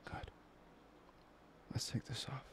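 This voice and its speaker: A man voicing a possessive, obsessive young man in a whispered audio roleplay, murmuring slowly and breathily. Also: a little hiss or hum, close to an everyday voice. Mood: menacing. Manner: murmuring, intimate, slow and breathy.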